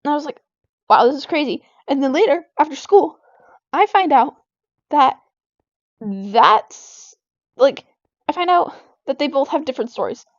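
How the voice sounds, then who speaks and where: A woman's voice: high voice, lively intonation, unhurried, pauses often, no echo. A teenage girl chatting casually while gaming, rambling through a story with lots of fillers and quoted back-and-forth. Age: teens. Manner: rambling, filler-heavy retelling of school drama. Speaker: gaming vlogger. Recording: dull, dry home recording.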